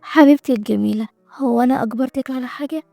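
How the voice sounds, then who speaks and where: A woman reads a cocky, jealous young heir who taunts and flares up, with an Egyptian Arabic accent. The voice is mellow and gravelly, slightly high, in a dry room. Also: rapid-fire, dry recording, soft background music. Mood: mocking. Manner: mocking, cocky. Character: jealous, hot-tempered rich young man.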